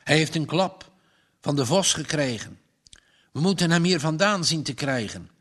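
A man's voice: a little high, animated, normal speed, fairly bright tone. A man voicing a big older farmer who speaks in an earnest, trembling voice. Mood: urgent.

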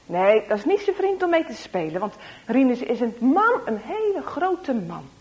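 Slow, expressive woman telling a children's story. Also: a little high. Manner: expressive, dropping to hushed whispers for suspense. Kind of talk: children's story read-aloud.

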